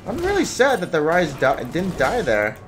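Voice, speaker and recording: At his desk indoors, a young man streaming games trades blunt, profane banter in casual chat, while music and game sounds play. His voice sits high and swoops wildly in pitch at a normal speed.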